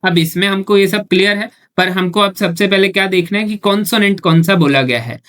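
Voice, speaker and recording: A man's voice: sits high, brisk, a bit bright, clear, resonant tone. Patient male shorthand teacher. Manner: asks rhetorical questions and answers them himself; repeats each point patiently, often checking with "okay". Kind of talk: step-by-step classroom explanation.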